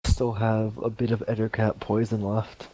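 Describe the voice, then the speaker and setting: A man playing a tabletop game with a deep, gravelly voice who speaks laconically. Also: completely flat delivery, moderate pace, warm tone, a little hiss or hum, low-quality recording. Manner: laconic, few words. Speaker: player.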